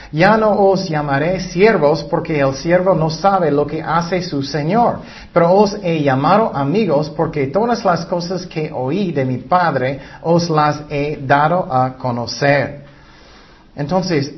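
Man, preacher, Spanish sermon, slightly high voice, quotes scripture, acts out voices, muffled lo-fi recording. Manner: reads scripture aloud and acts out quoted voices, with self-corrections.

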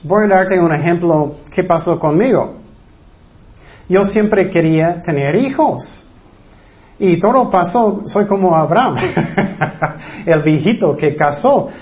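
A man's voice: animated, takes it slowly, pauses often, muffled recording. A middle-aged man preaching a sermon, earnest, often acting out fretful people. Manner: earnest, acts out worried people in high anxious voices.

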